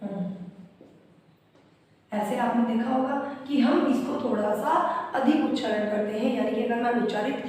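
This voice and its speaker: A woman's voice: fairly high pitch, normal speed, dark tone. Echoey teacher woman explaining from afar. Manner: repetitive, asks and answers own questions. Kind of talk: exam-prep grammar lesson. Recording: echoey room, voice from a distance.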